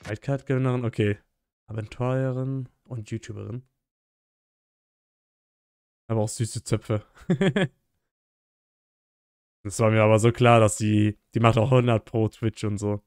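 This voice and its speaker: A man's voice: lowish voice, steady tone, unhurried, long pauses, a little mellow, clean tone, no echo, studio quality. A man in his thirties commenting casually on a video as a reaction host, slangy and offhand. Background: faint music from the watched show.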